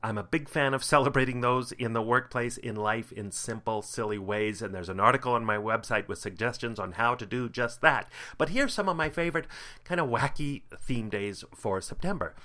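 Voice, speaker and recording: A male podcast host with a bright, forward tone. He reads his script with playful energy and gives each new segment a punchy lift. His pitch sits right in the middle for a man. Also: moderate pace. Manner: upbeat, playful delivery with punchy segment intros.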